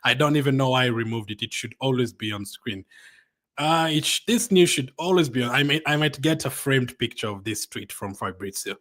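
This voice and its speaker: A man hosts a fan live stream and reads out viewer comments. His voice sits at an ordinary middle pitch, and he speaks excitedly and loosely, filling gaps with "um" and "man". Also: brisk. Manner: excited and chatty, with frequent "um" and "man". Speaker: fan channel host.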